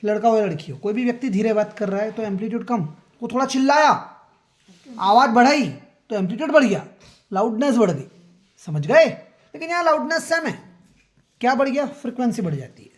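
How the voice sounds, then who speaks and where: A man's voice: very high voice, animated, a little fast. A man teaching a school science lesson in a classroom. He counts aloud, quizzes his students and keeps checking that they understand. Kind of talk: classroom lecture.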